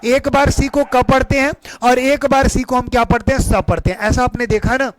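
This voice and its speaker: A man with a Hindi accent teaching an English pronunciation lesson online, energetic and repeating key points back to his students as questions. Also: very high voice, moderate pace, a little hiss or hum, low-quality recording.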